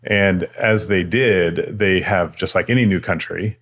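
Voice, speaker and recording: A man's voice: low voice, unhurried, a bit bright. A man who grew up in Sudan and Kenya, a guest in a casual interview, who explains things thoughtfully and at length, often restarting his sentences. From East Africa, grew up in Sudan and Kenya.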